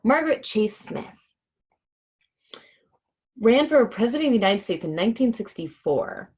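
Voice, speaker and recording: Reading a children's book aloud on a casual livestream, a woman keeps her language simple and informal, explaining hard words for kids. Her voice sits on the high side with big pitch swings, a darkish, slightly rough tone, and normal speed.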